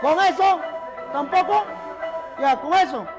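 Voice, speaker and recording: A man with a Peruvian Spanish accent, a history teacher leading his class in a shouted rap chant, calling out lists to his students. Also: very high voice, slow pace. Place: crowded classroom. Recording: loud music and crowd noise. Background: loud beat and shouting students.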